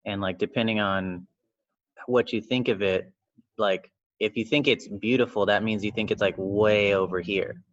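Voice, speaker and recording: Low-voiced man hosting a video call workshop. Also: steady tone, moderate pace. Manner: hesitant, many fillers and restarts. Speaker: workshop host. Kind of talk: casual online discussion. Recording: dull lo-fi video call audio.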